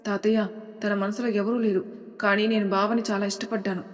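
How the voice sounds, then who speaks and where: A woman's voice: mid-range voice, little pitch movement, a little fast, natural voice. A woman storyteller voicing a spoiled young granddaughter who insists and pleads sharply; the recording has a long hall reverb. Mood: demanding.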